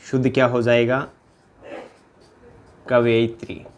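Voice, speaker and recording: A Rajasthani-accented man teaches exam-prep grammar in a smooth, monotone, mid-pitched voice, taking his time. Repeatedly posing the question again drills every answer, and his students are his companions.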